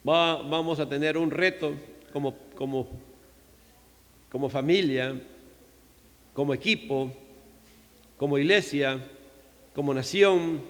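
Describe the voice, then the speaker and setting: Peruvian pastor preaching in a reverberant church. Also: male voice, fairly high pitch. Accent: Peruvian Spanish. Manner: conversational preaching, frequent "¿no?" asides. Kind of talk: sermon. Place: church hall.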